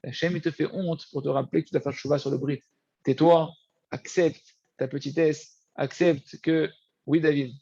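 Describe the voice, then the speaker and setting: A man teaching a Torah lesson, lively and repetitive, often addressing his listeners as friends. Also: on the high side, normal speed, vocal fry, slightly rough, dry recording, dull audio. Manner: animated, repeats words, addresses listeners as friends. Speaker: rabbi teaching.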